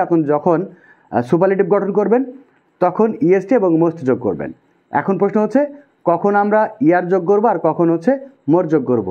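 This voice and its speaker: Male grammar tutor, Bangladeshi Bengali accent, slightly high voice, patient and repetitive, muffled lo-fi recording. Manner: patient, repeats key rules slowly. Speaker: English grammar teacher. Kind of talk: explanatory lesson. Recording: dull lo-fi sound.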